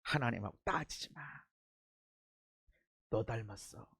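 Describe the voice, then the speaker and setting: A man preaching a sermon as pastor, swinging from loud exhortation to hushed low asides and giving blunt, informal commands to the congregation. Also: slow pace, vocal fry, slightly rough. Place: church sanctuary.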